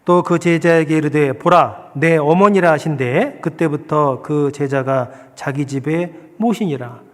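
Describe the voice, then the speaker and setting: Brief: male pastor, slightly high voice, earnest sermon delivery, long hall reverb. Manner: earnest preaching with rhetorical questions and slow emphatic scripture reading.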